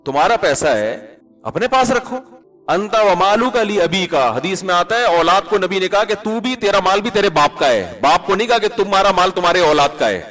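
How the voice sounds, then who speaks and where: A male Islamic scholar giving a conversational sermon, lively and wry, asking rhetorical questions and chanting Arabic verses now and then. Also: high voice, soft background music.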